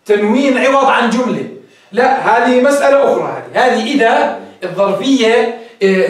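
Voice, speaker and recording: A man with a very high voice gives a grammar lesson, explaining each point step by step and firing questions at his students. His voice rings around a strongly echoing classroom, picked up by a microphone some way off. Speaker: teacher of Arabic grammar. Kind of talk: classroom lecture. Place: classroom with a board. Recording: very echoey room, mic far off.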